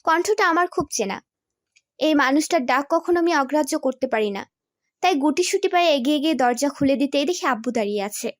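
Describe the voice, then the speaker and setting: A young woman narrates a story in the first person with expressive storytelling. Her voice is high and comes across dry and close to the mic. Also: brisk, no room sound.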